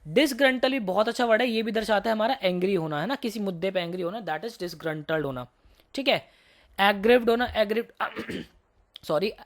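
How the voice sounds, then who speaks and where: A woman teacher with a slightly hoarse throat, giving a vocabulary lesson. She explains words in Hindi mixed with English, checks in with students often, and reads English example sentences slowly. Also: mid-range voice. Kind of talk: vocabulary lesson for entrance exams.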